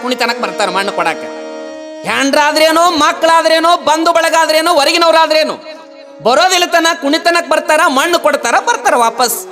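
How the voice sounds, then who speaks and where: A man with a North Karnataka Kannada accent preaching a devotional sermon on a temple stage, singing verse lines slowly and explaining them in lively colloquial asides. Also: very high-pitched, faint music behind.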